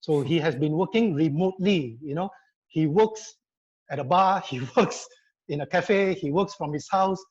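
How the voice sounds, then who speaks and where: A man introduces a guest on a live online panel, his voice sitting a little high. He hesitates often, filling gaps with fillers and restarts. The video call audio is dull and lo-fi. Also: moderate pace, slightly rough. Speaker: panel speaker, law association member.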